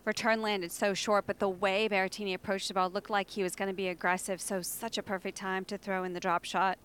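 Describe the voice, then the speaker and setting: A woman's voice: mid-range voice, flat delivery, fairly quick, fairly bright tone, a little hiss or hum. A woman giving live tennis analysis, conversational and agreeable as she breaks down the play. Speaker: tennis co-commentator.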